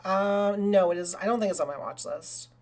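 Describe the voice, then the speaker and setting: A woman streaming a game live, chatting casually in a rambling way and breaking into excited cheers. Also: medium pitch, moderate pace. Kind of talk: casual live gaming commentary.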